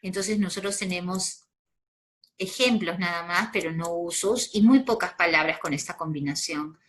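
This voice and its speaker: Speaking at a moderate pace in a fairly low, slightly bright voice, a Peruvian woman with a Peruvian Spanish accent walks students through grammar patiently, step by step, pausing to check in with them.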